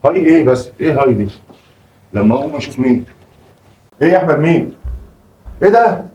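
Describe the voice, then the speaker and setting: A man with an Egyptian Arabic accent rattles off his lines at a breakneck clip as a flustered, placating father in a home comedy sketch. His voice sits at an ordinary middle pitch. It is picked up from some distance away from the mic. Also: animated, warm tone, lo-fi sound, a little hiss or hum. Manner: fast-talking, flustered and placating. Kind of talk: comic home sketch acting.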